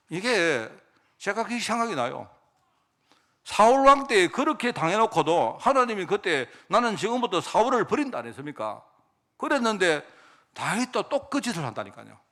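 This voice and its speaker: A man preaching a sermon, telling the story with lively acted-out voices and rhetorical questions. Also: sits high. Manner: animated storytelling, acts out characters, rhetorical questions. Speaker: pastor.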